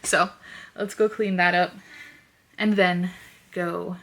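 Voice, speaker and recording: With a fairly low, flat voice, a young woman takes it slowly as she chats in her bedroom, her nose congested and sniffly. This lifestyle vlogger's casual vlog rambles with many fillers, and heavy background noise is present.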